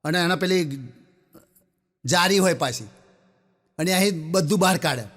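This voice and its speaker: A man with a high, somewhat bright voice keeps a measured pace as he performs stand-up comedy. Chatting with the audience and calling them sir, he tells joking stories and acts out the characters.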